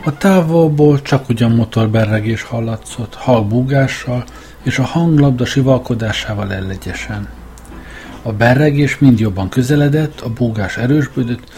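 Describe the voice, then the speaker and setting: Man reading a story out loud, mellow dark voice, faint music in the back. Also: mid-range voice. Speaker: audiobook narrator. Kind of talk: scripted first-person narration.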